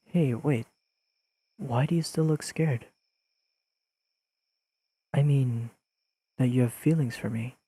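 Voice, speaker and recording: Gently certain in mood, this man portrays an earnest young best friend with an awkwardly analytical streak, speaking to the listener in an intimate roleplay. His delivery is halting, careful and softly pleading with slightly formal wording, and his medium, slightly rough voice has no echo.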